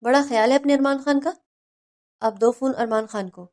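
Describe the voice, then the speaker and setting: A man's voice: extremely high pitch, darkish tone. A woman voicing a caring older brother who talks fondly and teasingly to his younger sister on the phone in a storybook reading. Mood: affectionate.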